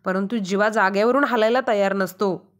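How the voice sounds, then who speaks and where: A woman narrating a recap of a TV serial episode in steady storytelling, quoting each character inline. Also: mid-range voice, moderate pace. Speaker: channel narrator.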